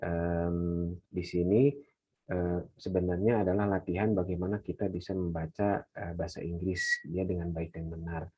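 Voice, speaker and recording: Deep-voiced man teaching English. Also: slightly rough. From Indonesia. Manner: slow, careful English model phrases between relaxed explanations. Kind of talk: online class lecture. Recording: dull lo-fi lecture recording.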